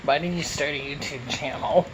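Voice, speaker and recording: Recorded on a phone with background noise, this clip features a Canadian man eating and talking with his mouth full while he answers viewer questions for a casual mukbang Q&A on YouTube. His voice runs slightly high, at a moderate pace.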